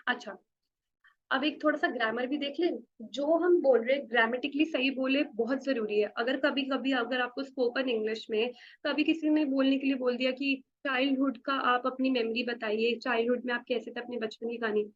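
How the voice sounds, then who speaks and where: An Indian woman teaching beginners in a classroom with a blackboard, her voice set high. She walks through words slowly, repeats each one and keeps asking the class questions. The lo-fi recording sounds dull. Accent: Indian English. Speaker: spoken English teacher.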